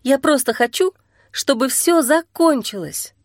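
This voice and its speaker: A woman's voice: expressive, unhurried, dry recording, clean studio sound. A woman reading an audiobook and voicing a frightened, stubborn young woman who pleads urgently to escape. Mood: anxious. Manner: urgent, pleading, rises high when upset.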